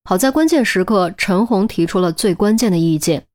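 A woman reading a crime audiobook in a steady storytelling manner. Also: medium pitch, brisk. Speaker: audiobook narrator. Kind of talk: scripted audiobook narration.

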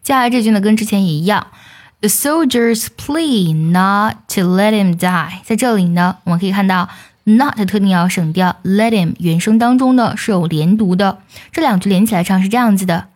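A woman teaching English song lyrics, explaining each line patiently and singing phrases slowly to demonstrate. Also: medium pitch, darkish tone.

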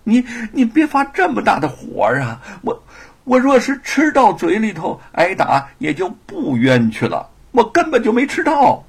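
A man's voice: on the high side, big pitch swings, unhurried, vocal fry, breathy edge, heavily acted. A man voicing a poor young male thief who stammers and repeats his words, sheepish and pleading.

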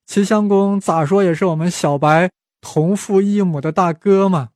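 Man doing an eager scheming court advisor, spoken history story, urgent, hurried, higher voice, dry close sound. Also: darkish tone, no room sound, close to an everyday voice.

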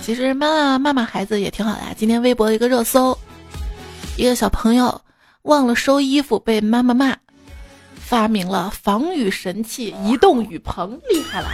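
A woman's voice: on the high side, normal speed, a little mellow. A woman hosting a comedy show, reading listeners' funny anecdotes aloud, acting out the quoted lines and laughing at her own jokes. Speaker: comedy podcast host. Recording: background music.

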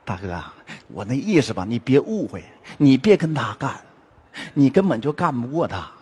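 A man's voice: medium pitch, very animated, moderate pace, a little mellow, slightly rough. A man playing a meek husband in a stage comedy sketch, coaxing and placating. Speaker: errenzhuan comic performer.

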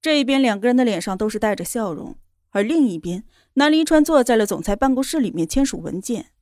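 A woman's voice: on the high side, lively intonation, fast talker, darkish tone, dry recording, clean studio sound. Woman narrating a novel.

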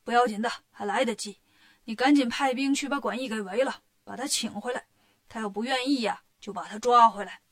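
A woman's voice: on the high side, brisk, a bit bright. A woman voicing a sly old male Taoist who is secretly a demon in a storybook, speaking in a sneering, scheming way.

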